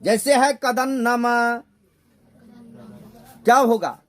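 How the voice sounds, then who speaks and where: A man's voice: very high-pitched, very slow, fairly bright tone. A man teaching a grammar class, who keeps asking his students questions and drilling the same points again and again.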